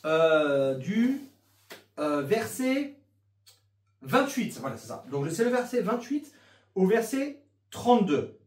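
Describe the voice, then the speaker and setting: Animated man hosting a youth Bible talk. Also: sits high, slow pace, pauses often. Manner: animated, hesitant with many fillers. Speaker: youth ministry host. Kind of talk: casual chat and Bible reading. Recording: roomy sound from a distance.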